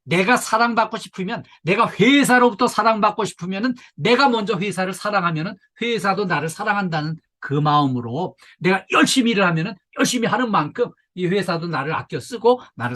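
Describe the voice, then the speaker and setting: An older man giving a workplace safety lecture to staff, lively and coaxing, now and then mimicking nagging voices and leading the room through stretches. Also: fairly high pitch. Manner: leads audience through stretches. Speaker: safety instructor.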